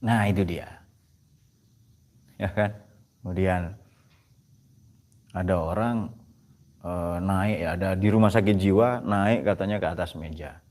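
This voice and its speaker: A man giving a lively classroom lecture, joking and asking "ya kan?" after his points. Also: low voice, unhurried, long pauses. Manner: animated, joking, asks "ya kan?" often. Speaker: teacher of philosophy at a pesantren.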